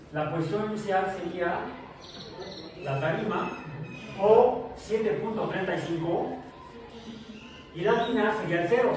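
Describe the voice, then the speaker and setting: Male science teacher, high voice, lecturing step by step, far from the mic, noisy echoey classroom. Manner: explains step by step with frequent restarts and checks.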